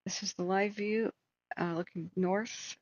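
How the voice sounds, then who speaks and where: A woman's voice: medium pitch, steady tone, measured pace, no echo. A woman hosting a live stream, giving informal, rambling commentary in a conversational way. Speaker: live stream host tracking wildfires.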